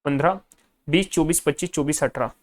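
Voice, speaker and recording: A man's voice: on the high side, fairly quick. A male finance lecturer in a recorded class, adding up figures aloud half to himself and coaching students directly.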